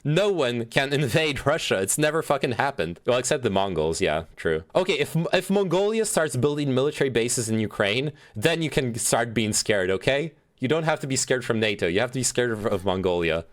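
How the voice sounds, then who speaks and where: A young man streams while chatting about politics, his medium-pitched voice very animated and fairly quick with few pauses. He reads chat messages aloud and reacts to them, swearing freely and filling his talk with fillers and restarts.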